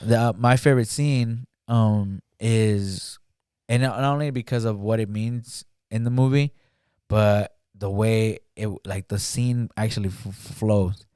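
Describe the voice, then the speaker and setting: A man talking casually as a podcast guest, retelling a film scene and often acting out the lines, with halting speech full of "like" fillers. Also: lowish voice, steady tone, dark tone, smooth, no echo, studio quality. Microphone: studio podcast mic.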